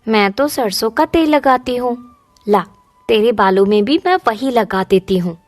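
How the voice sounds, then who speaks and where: A woman voicing a gentle, humble young woman, an older sister in a cartoon, who talks softly. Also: a little high, normal speed, dry recording, faint music behind, lightly acted. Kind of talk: cartoon dubbing.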